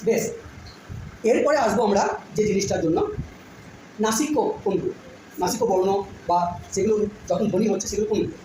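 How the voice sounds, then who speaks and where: Echoey classroom teacher, patient and repetitive. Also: female voice, mid-range voice, lively intonation, dark tone. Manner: patient, repeats sounds slowly, checks understanding often. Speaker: school teacher. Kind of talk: classroom phonetics lesson. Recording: very echoey room, noisy background.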